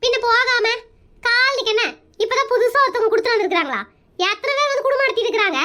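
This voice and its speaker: A sharp-tongued village housewife, as a woman voices her in a cartoon, speaking. Her voice is very high and bright. She talks in a brusque, scolding way, with little patience. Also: quick pace. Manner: brusque, scolding, matter-of-fact. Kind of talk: cartoon comedy voicing.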